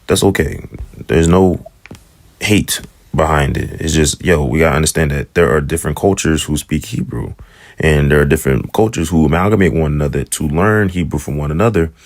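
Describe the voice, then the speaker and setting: A man giving a relaxed, rambling lesson on Hebrew letters, slowing down to sound out letters and repeat them. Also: rumbling low, gravelly, dry recording. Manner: relaxed, rambling explanations with slow drawn-out sound demonstrations. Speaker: Hebrew teacher. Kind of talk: casual spoken lesson.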